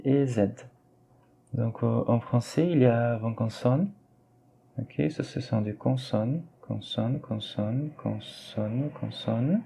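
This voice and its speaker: A man teaching a French lesson, slowly and patiently repeating words for his students. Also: mid-range voice, creaky, dark tone, a little hiss or hum. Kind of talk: classroom explanation while writing on screen.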